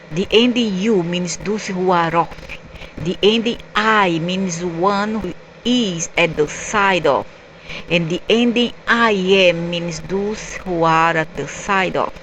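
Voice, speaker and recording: Woman narrator, reads a story slowly and haltingly, lowish voice. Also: fairly bright tone, slight background noise, low-quality recording. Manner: halting, spells out word endings letter by letter. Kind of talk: reading a story aloud.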